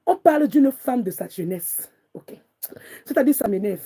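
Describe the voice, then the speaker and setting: A woman's voice: on the high side, expressive, moderate pace, dark tone, slightly rough. A woman prophetess preaching with passion and anger, crying out to God in prayer and repeating her words again and again. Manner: angry, repetitive, calls out to God.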